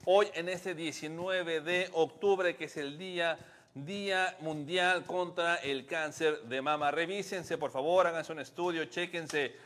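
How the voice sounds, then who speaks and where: A man's voice: on the high side, fairly even intonation, measured pace, fairly bright tone. Mexican man co-hosting a casual podcast. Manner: explains at length, laughs often. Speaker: podcast co-host.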